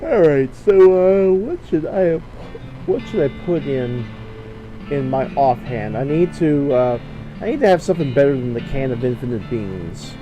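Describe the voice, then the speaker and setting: A man's voice: mid-range voice, animated, a little slow, muffled recording. A man giving let's play commentary, reading game text aloud and commenting as he plays. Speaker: gamer playing and narrating a video game. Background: game music with guitar.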